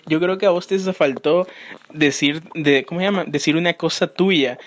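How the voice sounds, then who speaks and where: A man's voice: a little high, moderate pace. Man chatting over faint background noise. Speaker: interviewer. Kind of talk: casual chat.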